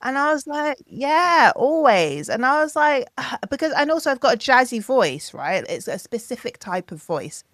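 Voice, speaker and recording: A singer and producer in her thirties tells stories animatedly in a podcast interview, acting out other people's words in a raised voice. Her voice sits high and flows at a normal speed with few pauses, in clean studio sound without room echo.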